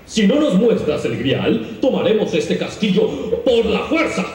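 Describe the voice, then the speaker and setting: A man's voice: high-pitched, big pitch swings, unhurried, background noise. A young man playing a solemn, puzzled King Arthur on a school stage, speaking formally. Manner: formal, stately speech. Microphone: far camera in the audience. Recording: echoey theater hall with music.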